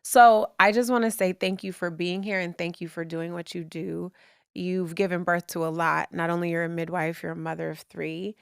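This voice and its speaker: A woman hosting a podcast, chatting casually with a guest in a gushing, excitable way with lots of fillers. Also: fairly low pitch, moderate pace, creaky, smooth, dry recording, studio quality. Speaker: podcast host. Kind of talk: casual interview chat.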